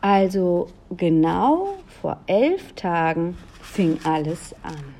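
A woman voicing an excited young girl in a read-aloud children's story, speaking emphatically. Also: slow, a little hiss or hum, exaggerated voice. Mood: eager. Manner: bright, emphatic, pitched up. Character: excited girl, Julia, eager to convince her parents.

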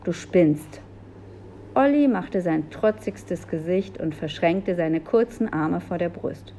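Woman, storybook reading, slow, mellow voice, calm narration. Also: fairly low pitch, slight background noise.

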